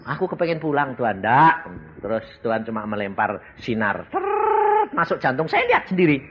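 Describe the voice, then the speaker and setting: Animated older Javanese-accented preacher. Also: male voice, medium pitch, moderate pace. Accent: Javanese-tinged Indonesian. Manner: animated, swings from soft asides to loud exclamations. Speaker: evangelist preacher. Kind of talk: sermon with personal testimony. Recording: slightly dull sound with faint background noise.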